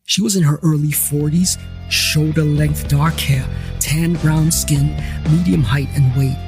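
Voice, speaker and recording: A man's voice: a little high, steady tone, unhurried, music in the background. A man playing a wry first-person investigator who narrates the story with dry asides in an audio drama.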